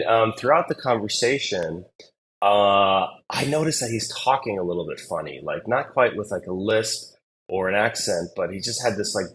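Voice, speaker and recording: A man with a fairly low voice tells stories as an admissions consultant. He talks in a loose, conversational way, full of "uh"s, repeats and quick restarts. His pitch climbs as the anecdotes get livelier. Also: slight background noise. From Singapore. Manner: animated storyteller with many fillers and restarts. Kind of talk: casual interview storytelling.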